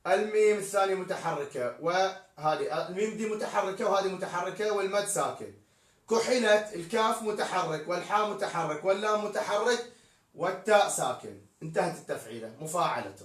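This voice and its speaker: A man's voice: high-pitched, lively intonation, brisk. A man teaching poetic meter in a live-streamed lesson, spelling out words letter by letter as he explains. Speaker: poetry teacher. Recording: echoey room, distant mic.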